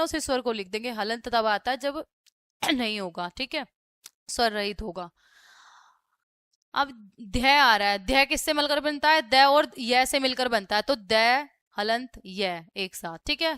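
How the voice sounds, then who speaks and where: A woman's voice: on the high side, pushed and bright, smooth, no echo. A woman teacher giving a step-by-step grammar lesson, asking questions and answering them herself, often checking in with "okay". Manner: explains step by step, often asks and answers her own questions; frequently checks in with "ठीक है".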